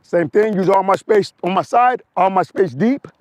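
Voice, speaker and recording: Coaching a slow-speed riding drill one step at a time, this motorcycle instructor repeats brief cues in a hoarse, high, darkish voice. He was recorded outside on a wireless mic, with no echo and studio-quality sound.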